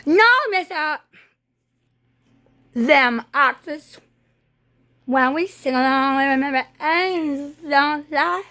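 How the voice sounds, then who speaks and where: A woman giving a rambling spoken monologue in disjointed, halting, drifting phrases. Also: high-pitched, fairly even intonation, bright, forceful tone, no echo.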